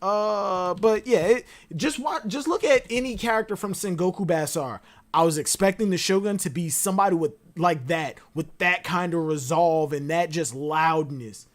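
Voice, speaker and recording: Guest on a casual fan stream, excitable and digressive, middle-pitched voice, talks in bursts. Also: moderate pace. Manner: rambling and animated, full of digressions. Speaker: podcast guest. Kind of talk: casual anime theory chat.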